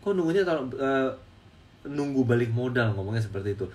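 A man's voice: mid-range voice, animated, a little fast, a little mellow, distant mic. Man explaining stocks casually. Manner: storytelling, repeats phrases, addresses viewers as friends. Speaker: stock trading educator.

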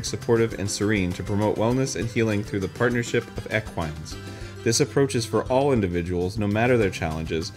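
A man streams a video game and comments on it live, cursing freely and jumping between relaxed chatter and sudden high-pitched shouts. Faint game music plays softly underneath his voice. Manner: excitable, profane, swings into loud high-pitched yelps.

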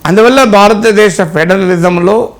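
A man's voice: high voice, a little slow. A man giving political analysis, emphatic and ironic, piling up rhetorical questions. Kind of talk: spoken political commentary.

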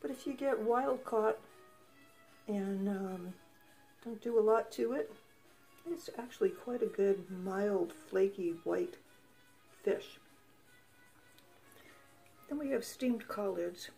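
A woman's voice: mid-range voice, takes it slowly, gravelly, long pauses, soft background music. A woman hosting a home cooking show, chatting casually to the camera as she tastes her food. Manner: relaxed, chatty, tasting food while talking.

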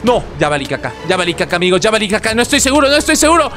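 A young man with a Mexican accent doing excitable gameplay commentary, dramatic and panicky, often yelling and repeating himself. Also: high voice, racing. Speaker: gaming YouTuber. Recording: music under the voice.

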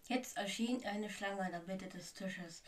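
A woman's voice: mid-range voice, a little slow, far from the mic, slight background noise. A woman reading a story aloud in a plain way, with small slips and restarts.

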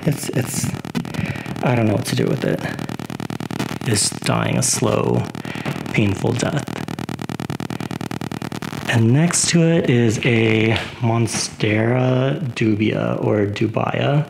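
A plant vlogger with a medium-pitched voice and vocal fry gives a casual tour of his houseplants at home. He rambles in a relaxed, unhurried way with lots of fillers, over heavy background noise.

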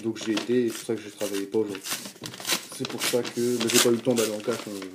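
A man's voice: lowish voice, little pitch movement, quick pace, very noisy. An eighteen-year-old man vlogging casually, rambling with many restarts, fillers and aggrieved asides.

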